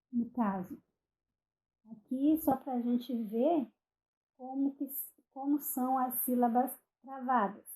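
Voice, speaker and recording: A woman with a Brazilian Portuguese accent giving a recorded online phonetics lecture, speaking deliberately, spelling out example words one at a time and checking in with "ok?". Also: fairly high pitch, dark tone, poor audio. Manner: frequent "ok?" check-ins and self-corrections. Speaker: university lecturer.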